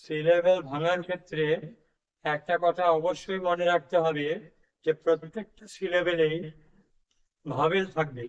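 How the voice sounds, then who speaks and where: A man explains a lesson as an English tutor, drawing out each example word with slow deliberation. His voice is smooth and resonant, with a slightly raised pitch held in a narrow, flat range. The recording sounds dull and lo-fi.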